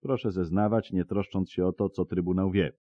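A man voices a stern tribunal interrogator in an audiobook. He speaks in a cool, clipped manner with a very deep voice. The recording is dry and slightly dull. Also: fairly even intonation, fairly quick, no echo. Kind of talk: audiobook character voice.

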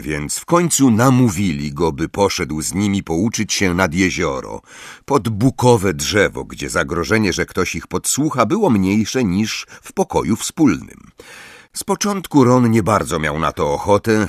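A man reads an audiobook in a low voice, with expressive, measured storytelling. His pitch rises and falls freely across the lines. The recording is close and dry, with no room sound. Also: no room sound. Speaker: audiobook narrator. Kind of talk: scripted narration.

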